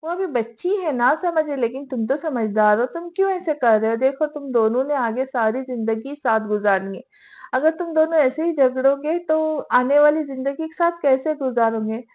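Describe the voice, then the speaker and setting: A woman's voice: sits high, moderate pace, a little mellow, close to an everyday voice. A woman reading the lines of a caring middle-aged mother who scolds her son. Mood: admonishing. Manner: scolding, protective.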